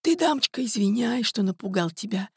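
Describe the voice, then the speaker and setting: A woman voicing a crazed, spiteful old drunk man in an audiobook, taunting in a slow, drawn-out way. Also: fairly high pitch, lively intonation, darkish tone, husky, no room sound, clean studio sound, voice pushed up. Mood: fawning. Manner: taunting, drawn-out, cackling menace.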